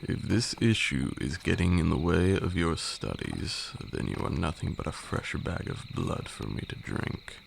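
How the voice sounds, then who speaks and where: A man plays an ancient, haughty vampire lord in an ASMR roleplay, a condescending mentor using formal, archaic speech in a very deep, gravelly voice. He sounds impatient, unhurried yet hardly pausing, heavily acted. Crickets and night insects hum under a steady noise.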